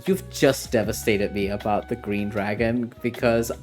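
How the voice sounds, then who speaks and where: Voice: medium pitch, fairly even intonation, unhurried, darkish tone, faint music behind. A show host running a casual interview, enthusiastic and gushing. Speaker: podcast host.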